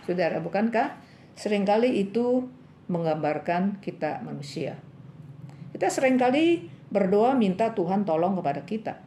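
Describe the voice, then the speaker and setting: At a church women's fellowship, a woman delivers a bilingual sermon built around an illustrative story, acting out the characters' cries in a raised pitch. Her lively storytelling moves at a moderate pace, and a little hiss or hum is audible in the church meeting room.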